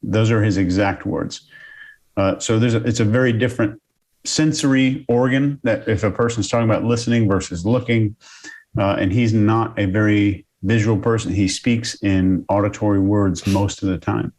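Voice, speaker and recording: A man's voice: fairly low pitch, fairly even intonation, normal speed, a little mellow. A man analyzing body language on a panel, explaining terms in an emphatic way. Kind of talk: casual panel commentary.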